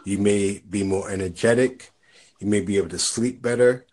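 A man's voice: on the low side, moderate pace, a little mellow. A man talking earnestly in a casual conversation, giving encouragement and often repeating words as he starts a thought.

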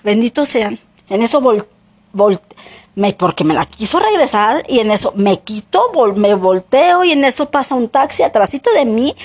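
A young woman with a Mexican Spanish accent tells a personal story in a loose, casual way. Her voice sits a little high, and she rambles, correcting herself often and filling pauses as she goes. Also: darkish tone. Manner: rambling, many "o sea" and "este" fillers, self-corrections.

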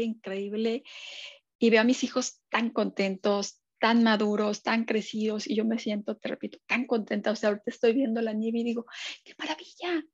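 A woman's voice: on the high side, no echo, lo-fi sound. A Mexican woman in her fifties, a guest telling her story with feeling on a video call. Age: 50s. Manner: warm, emotional storytelling with many quoted voices. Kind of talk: casual interview chat.

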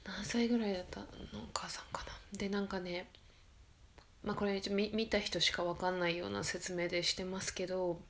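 Late at night, a woman hosts her own talk podcast, chatting casually in a quiet, low-energy voice that keeps drifting into a whisper as she rambles and corrects herself. She speaks briskly with little pitch movement, and there's slight background noise.

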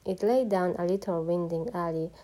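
A woman reading a children's storybook aloud in an expressive narrating manner. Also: fairly low pitch, moderate pace. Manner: expressive, animated voices. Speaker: storybook reader.

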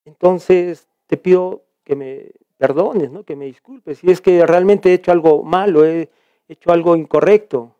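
Man from Peru, Bible study teacher, fairly high voice, mellow tone, dry close sound. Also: unhurried, clean tone, no room sound, dull audio. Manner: reads scripture aloud and explains it, with frequent restarts.

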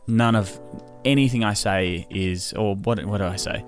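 A man hosting a solo podcast in a casual, low, unhurried and subdued way, sounding tired and sore. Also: soft background music. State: tired and in pain, recovering. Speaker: podcast host.

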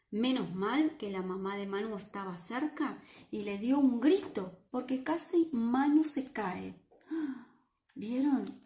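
A woman with a Rioplatense Spanish accent reads a picture book aloud to children, playful and lively, often asking them questions. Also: a little high, vocal fry, echoey room. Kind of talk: animated read-aloud for children.

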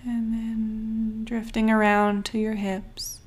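A woman guiding a breathing meditation as a coach, soothing and unhurried, with long pauses and a breathy voice that often trails toward a whisper. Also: a little high, monotone.

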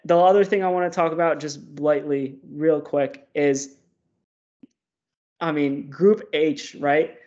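A man co-hosting a football podcast, giving animated, opinionated analysis packed with stats. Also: a little high, takes it slowly. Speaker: podcast co-host. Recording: dull lo-fi audio.

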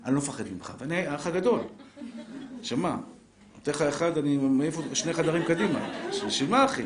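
Middle-aged male rabbi, slightly high voice, lively lecturing manner, live audience, roomy echo. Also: crowd noise. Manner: lively, talks straight to listeners with rhetorical questions. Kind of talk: live Torah lesson to an audience. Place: lecture room with a seated audience. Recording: roomy echoing room.

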